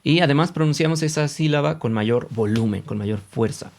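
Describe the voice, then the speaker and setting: A man with a central Mexican accent teaches in a relaxed, conversational way, filling pauses with little sounds. His voice sits at an ordinary middle pitch. He keeps stopping to sound out examples aloud. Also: creaky. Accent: Mexican Spanish. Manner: conversational, many fillers, demonstrates sounds aloud. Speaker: Japanese teacher. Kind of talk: casual explanatory video lesson.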